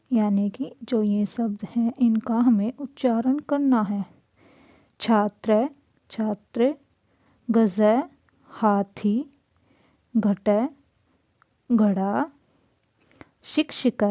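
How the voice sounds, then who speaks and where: A woman teacher going through a school lesson, saying each word slowly and giving its meaning. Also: on the high side, dark tone, dry recording. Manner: slow, deliberate, repeats each word and gives its meaning. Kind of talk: classroom lesson explaining Sanskrit words in Hindi.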